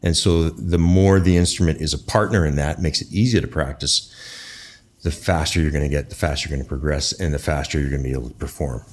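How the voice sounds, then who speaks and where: A man answering as a guest expert in an interview, explaining conversationally in a thoughtful, halting way with pauses. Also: extremely low pitch, steady tone. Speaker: guest expert, bass maker.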